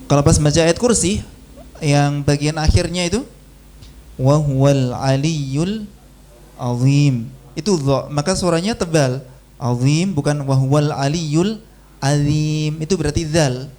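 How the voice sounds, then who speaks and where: A man teaching Quran recitation in a mosque class, drilling syllables slowly and reciting aloud. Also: on the high side, darkish tone. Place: mosque by a busy road. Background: faint traffic hum.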